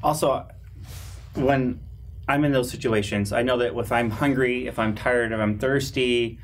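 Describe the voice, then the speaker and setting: This is a man co-hosting a webinar Q&A, his pitch right in the middle for a man. He talks reflectively in short, halting phrases, pausing and filling gaps with "um" as he thinks aloud. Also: fairly even intonation, slight background noise. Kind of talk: live webinar Q&A chat.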